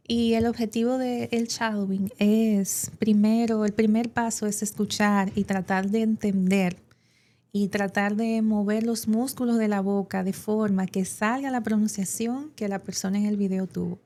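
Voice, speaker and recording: A woman with a Dominican Spanish accent explains English pronunciation on a podcast. Her voice sits at a middle pitch, and she pauses on fillers while she works through examples. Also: steady tone, mellow. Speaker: English teacher.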